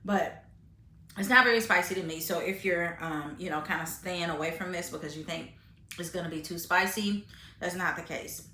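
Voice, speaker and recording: Chatting to camera about grocery finds, a woman tastes food while talking, often using fillers and restarting sentences. Her lowish voice is bright and forceful at a normal speed, and the recording has a roomy sound.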